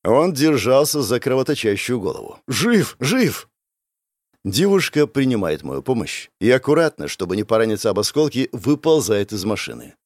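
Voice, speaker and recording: A man's voice: lowish voice, sing-song, brisk, hardly any pauses, a little mellow, no room sound, studio quality. A man narrating a first-person fantasy audiobook in a tense, dramatic way.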